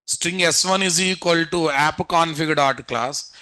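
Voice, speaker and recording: A man's voice: a little high, measured pace, bright, forceful tone. A man with an Indian Telugu accent giving a live technical lecture, prodding students with repeated questions. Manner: prodding, repetitive rhetorical questions. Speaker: programming instructor.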